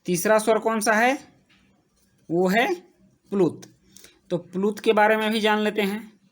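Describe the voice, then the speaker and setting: Woman teacher going thru a grammar lesson real slow, repeats words as she writes, keeps checking in. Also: medium pitch. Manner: slow, repeats terms while writing, checks in with "ठीक".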